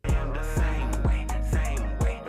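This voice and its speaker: A man's voice: medium pitch, steady tone, unhurried, mellow, slightly rough. A man rapping on a mixed track, his last word repeating in a digital delay echo over a beat. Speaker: rapper on a track being mixed. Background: music beat.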